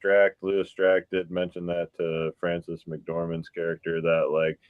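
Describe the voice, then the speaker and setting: A man's voice: deep voice, monotone, unhurried, smooth, no room sound, narrow, tinny audio. A man on a casual movie review panel, talking hesitantly. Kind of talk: casual live-stream chat.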